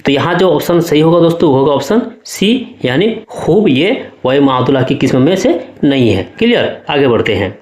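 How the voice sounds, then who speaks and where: A man's voice: fairly high pitch, animated, moderate pace, few pauses, a little mellow, reverberant. A male teacher explaining exam questions step by step and often checking that his students follow. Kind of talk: exam-prep lesson.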